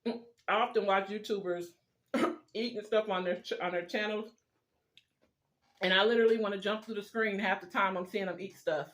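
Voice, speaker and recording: With a medium-pitched, steady, fairly bright voice, a video blogger talks fairly quickly but pauses often. The chat is a casual mukbang, informal and confiding, rambling along with food in the mouth.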